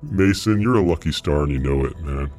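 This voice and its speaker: A man's voice: lively intonation, brisk, a little mellow, faint music behind. A man hosting a prank call show through a voice changer, teasing a caller with goofy tangents. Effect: voice changer, deep morphed voice. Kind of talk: mocking prank phone banter.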